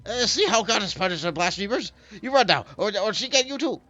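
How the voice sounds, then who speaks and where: A man voicing a frightened but boastful male goblin who stammers in a shrill, quivering voice. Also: expressive, a little fast, sharp tone. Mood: frightened bluster.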